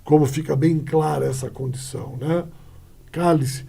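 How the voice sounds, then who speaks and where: Gravelly, husky male teacher. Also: fairly high pitch, expressive, moderate pace, dark tone. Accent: Brazilian Portuguese. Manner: explanatory, checks in with "tá?" and "ó". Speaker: Portuguese grammar teacher. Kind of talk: classroom lesson on punctuation.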